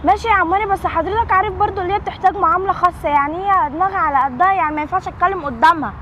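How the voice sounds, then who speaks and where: A woman's voice: very high-pitched, very fast, pushed and bright, lo-fi sound, slight background noise. A woman with an Egyptian Arabic accent playing a caring, outspoken friend who coaxes and questions earnestly.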